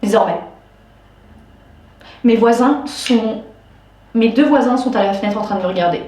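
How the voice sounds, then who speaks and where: A woman in her twenties telling a story in a casual video diary, animated and exasperated, talking straight to her viewers. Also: fairly high pitch, normal speed, reverberant. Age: 20s. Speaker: vlogger.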